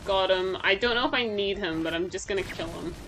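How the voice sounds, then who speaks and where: A woman's voice: medium pitch, fairly quick, fairly bright tone, soft background music, rough recording. A woman streaming a game live, reacting aloud to the gameplay, talking to her chat and mocking herself. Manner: self-mocking exclamations.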